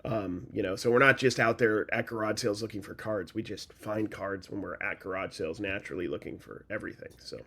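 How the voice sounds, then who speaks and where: A man's voice: fairly low pitch, steady tone, brisk, hardly any pauses, fairly bright tone, breathy edge. A man co-hosting a podcast in a chatty, teasing way. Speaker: podcast co-host. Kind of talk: casual chat.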